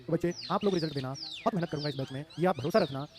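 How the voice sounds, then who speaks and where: A man's voice: a little high, rapid-fire, background noise. A man in his thirties with a Hindi accent, teaching a live online class for exam students, emphatic and repeating words to drill them.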